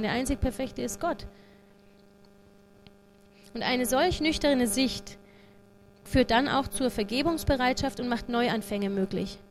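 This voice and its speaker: A woman giving an informal devotional talk, earnest and conversational, often voicing the thoughts of an imagined believer. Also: a little high. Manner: earnest, conversational, acts out imagined inner voices.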